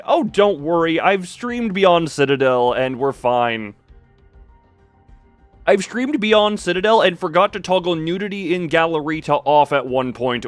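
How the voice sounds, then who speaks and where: A man hosts a livestream, rambling in a casual, joking way as he drifts onto tangents and responds to chat. His voice is on the high side. The audio has no room sound.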